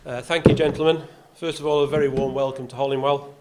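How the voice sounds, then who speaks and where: In a clubhouse function room, an older Yorkshireman with a faint accent addresses an audience as the golf club's vice captain, full of dry self-deprecating humour and frequent "uh"s. He talks fast at a medium pitch with little pitch movement, and the recording is very noisy.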